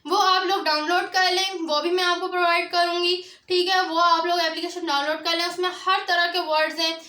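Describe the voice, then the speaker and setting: A woman gives a beginner lecture in a very high, bright voice. She explains each point patiently and keeps checking in with her students. The recording has a noticeable room echo. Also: level tone, fairly quick. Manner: explanatory, often adds a check-in filler after each point. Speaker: language teacher.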